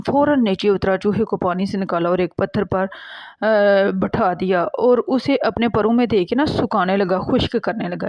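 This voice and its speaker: A woman with a Punjabi accent tells a fable in a relaxed, chatty way while cooking, often pausing to ask "hmm?". Her voice sits at a middle pitch. The recording is dry, with no room echo. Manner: chatty, with frequent "hmm?" and filler "na". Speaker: vlogger. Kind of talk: casual storytelling while cooking.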